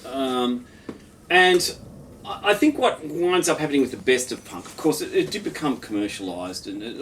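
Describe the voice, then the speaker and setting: A poet in his fifties reads a poem at home, then drifts into rambling casual chat full of restarts and chuckles. His voice is mid-range. The mic is distant, with slight background noise.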